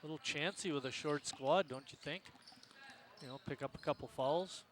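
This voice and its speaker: A man's voice: fairly high pitch, moderate pace, slight background noise. A man doing play-by-play basketball commentary in a conversational, folksy manner. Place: courtside in a gym.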